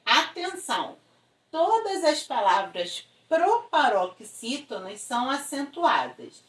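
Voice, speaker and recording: A Brazilian woman teacher talks a young class through a recorded video lesson, one step at a time, and often checks that they follow. Her voice sits a little high and swoops up and down with animated intonation. It rings in an echoey room, caught from some distance from the mic. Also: takes it slowly. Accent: Brazilian Portuguese. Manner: explains step by step, checks in with frequent tag questions.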